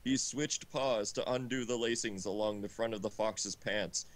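On a game livestream's group voice chat, a man reads a story aloud informally and amateurishly, breaking into laughter and asides. His voice is fairly low and moves at a moderate pace.

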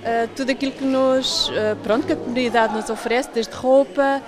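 A woman's voice: high-pitched, steady tone, moderate pace, a crowd in the background. A woman in her forties with a European Portuguese accent, a community centre coordinator explaining at length with many fillers. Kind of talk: interview. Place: large indoor hall with clothing stalls. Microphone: handheld reporter mic.

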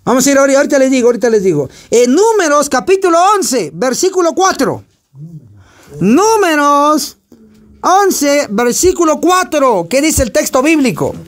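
A man's voice: extremely high pitch, big pitch swings, fast talker, hardly any pauses. A male pastor preaching a sermon and firing questions at his congregation to get answers back.

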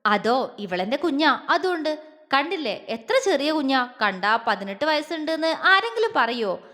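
A woman's voice: high voice, sing-song, normal speed, a bit bright, in a large hall. A woman voicing a tender, protective young man in an audio story, coaxing and affectionate.

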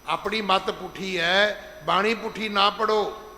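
Middle-aged man as head preacher, emphatic and high-voiced, recorded in a reverberant hall with faint background ambience. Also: steady tone, sharp tone, slight background noise. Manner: emphatic, slows down to stress scripture, acts out quoted speech. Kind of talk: gurdwara sermon. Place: large gurdwara hall.

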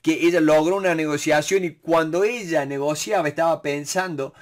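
A man's voice: a little high, normal speed. Casual Rioplatense-accented man teaching negotiation. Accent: Rioplatense Spanish. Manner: conversational, many fillers like "este", acts out quoted lines. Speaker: negotiation instructor answering viewer questions. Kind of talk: casual live Q&A talk.

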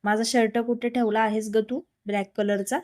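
A woman narrator voices a short-tempered young husband who snaps back gruffly. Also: fairly high pitch, flat delivery, normal speed, close to an everyday voice. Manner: gruff, shouting orders.

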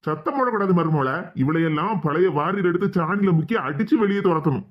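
A performer voicing a gruff, hot-tempered father-in-law in a cartoon, scolding in a Tirunelveli Tamil accent. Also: mid-range voice, lively intonation, quick pace, close to an everyday voice. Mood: angry. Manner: scolding, shouting orders. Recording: dull lo-fi sound.

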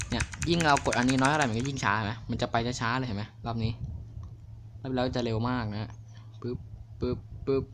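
Young man, casual gear review, excitable chatter, mid-pitched voice, loud keyboard clicks behind. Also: background noise. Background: clicky keyboard typing.

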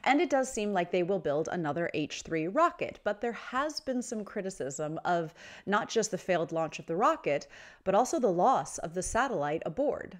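A woman in her thirties hosting scripted news commentary with casual asides, close to a desk microphone indoors. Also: medium pitch. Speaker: host, space news commentator. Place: small furnished room with bookshelves, indoors. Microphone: desk microphone close in front.

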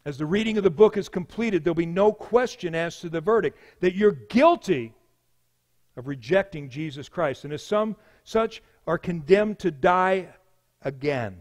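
High-voiced pastor preaching emphatically. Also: male voice, lively intonation, normal speed. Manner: emphatic, dramatic swings between loud and hushed. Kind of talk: sermon.

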